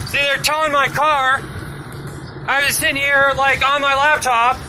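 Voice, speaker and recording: Man, very high voice, indignant, confrontational customer complaint, clear vehicle and background noise. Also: little pitch movement, measured pace. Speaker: customer filming own complaint. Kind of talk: angry confrontation filmed on the spot. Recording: noisy on-location recording with vehicle sounds.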